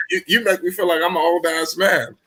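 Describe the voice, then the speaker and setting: A man in his late twenties hosting a casual sports debate, animated, swearing freely and cutting in. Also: a little high, moderate pace. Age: 20s. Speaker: show host.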